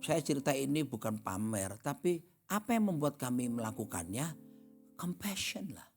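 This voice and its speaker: A middle-aged man, a pastor, preaching a sermon with animated storytelling and acting out voices in the dialogue. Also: mid-range voice.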